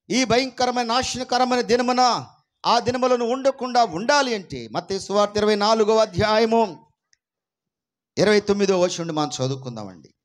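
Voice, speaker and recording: A man preaching as pastor at a church prayer meeting, swinging between loud cries and low, intense asides into a microphone. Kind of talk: sermon. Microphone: microphone through a sound system.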